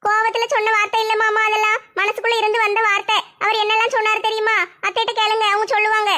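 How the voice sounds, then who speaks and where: A woman's voice: extremely high pitch, monotone, fast talker, bright, forceful tone. A woman playing an aggrieved young wife who pleads and complains in a family drama skit. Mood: refusing. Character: hurt, stubborn young wife, a daughter-in-law.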